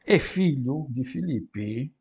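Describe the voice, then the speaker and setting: Brazilian guy teaching greek, slow and gravelly, pitch bouncing all over as he drills phrases. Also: animated, darkish tone. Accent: Brazilian Portuguese. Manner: slow, drawn-out reading aloud of Greek phrases. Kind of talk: university lecture.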